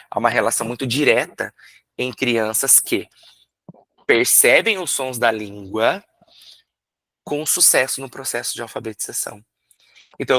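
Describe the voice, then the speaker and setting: A man from Brazil, a literacy teacher, explaining in a workshop lecture, asking himself rhetorical questions and sounding out syllables slowly. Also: mid-range voice, fairly bright tone, no echo.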